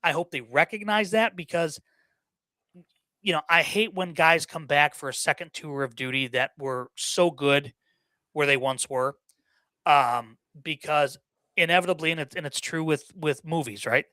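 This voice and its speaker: A man's voice: on the high side, moderate pace, pushed and bright, no room sound. A man guesting on a sports podcast, giving opinions in casual chat, often repeating words and using fillers.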